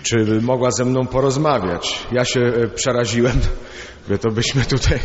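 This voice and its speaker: Brief: male priest, homily, casual anecdotal delivery, mid pitch, long reverb. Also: normal speed, a little hiss or hum. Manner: conversational, hesitant fillers, tells jokes. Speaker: priest preaching. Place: church. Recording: reverberant dull church sound.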